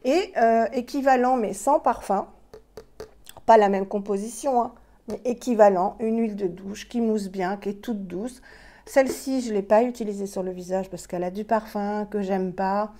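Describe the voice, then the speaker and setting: Casting note: middle-aged woman, mellow tone, a little breathless, chatty home beauty vlogger with a clip-on mic. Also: mid-range voice, fairly even intonation, moderate pace. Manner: chatty, many fillers and restarts, demonstrating products. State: slightly out of breath. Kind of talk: casual product review. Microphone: plugged-in microphone.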